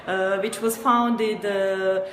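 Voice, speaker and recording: A Serbian woman with a Serbian accent, a company co-founder appearing as a guest, answers interview questions slowly and hesitantly, full of fillers and little laughs. Her medium-pitched voice keeps a fairly even intonation over music. The recording is echoey, taken in a noisy, busy event venue with a crowd.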